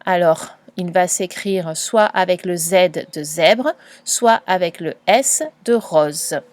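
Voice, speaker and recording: A woman teacher giving a patient, clearly spoken dictation lesson to a young pupil, spelling out letters and sounds. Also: fairly low pitch, slow, dry recording. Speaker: primary school teacher.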